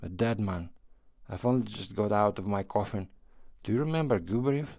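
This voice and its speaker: A man's voice: on the low side, fairly quick, darkish tone, no room sound, studio quality. Man voicing a sly menacing thief. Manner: mocking, threatening. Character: sly menacing male thief posing as pilgrim.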